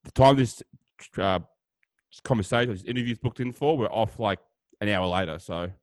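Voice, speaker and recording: A man's voice: lowish voice, normal speed, dry recording, studio quality. A man with an Australian accent co-hosting a podcast in casual, joking banter, full of fillers and "mate". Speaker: podcast co-host.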